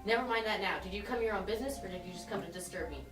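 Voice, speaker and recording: A woman playing Sherlock Holmes as a brisk, matter-of-fact man in an amateur drama reading, with music playing behind. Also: mid-range voice, echoey room, distant mic, lightly acted. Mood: curt. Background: background music.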